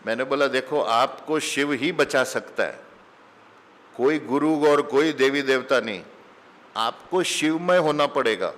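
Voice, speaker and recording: Long hall reverb colors this clip of a middle-aged spiritual teacher at satsang. His mid-range voice is a bit bright, and he moves slowly through a conversational sermon rich in anecdotes, slipping English phrases into his Hindi.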